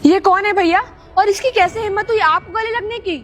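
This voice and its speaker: A woman's voice: very high-pitched, a little fast, noisy background. A woman playing a spoiled rich younger sister who sneers rudely at a poor man in an amateur skit. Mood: indignant. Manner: sneering, rude.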